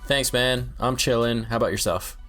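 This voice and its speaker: A man's voice: medium pitch, fairly even intonation, normal speed, a bit bright, faint music behind. Laid-back man in his thirties. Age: 30s. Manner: laid-back, laughs easily. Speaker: podcast co-host. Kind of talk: casual podcast chat.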